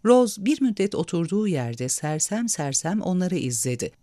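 A man narrating a story aloud with an expressive, measured reading. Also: sits high, dry recording, clean studio sound.

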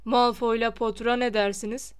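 A woman voicing a cold, scornful male professor in an audiobook, speaking slowly with quiet disdain. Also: fairly high pitch, flat delivery, clear, resonant tone, lightly acted. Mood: sneering. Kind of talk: audiobook character reading.

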